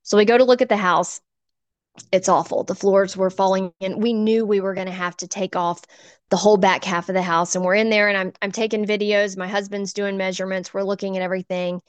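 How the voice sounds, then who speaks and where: A woman's voice: medium pitch, steady tone, fairly quick, clean tone, no echo. A middle-aged woman, a church volunteer sharing an earnest, emotional personal testimony. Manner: earnest, emotional, gets choked up.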